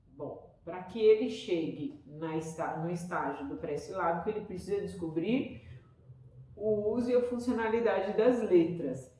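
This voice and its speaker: An enthusiastic woman teacher with a Brazilian Portuguese accent talks parents through a lesson in a chatty, explaining way. Her voice sits in a middle pitch. It comes from some distance from the mic and rings in a very echoey room. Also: a little mellow.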